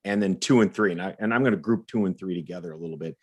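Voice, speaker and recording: A man's voice: sits low, rapid-fire, slightly rough. A man co-hosting a live question-and-answer stream, explaining regulations in a clarifying way and often repeating words as he restarts sentences. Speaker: co-host.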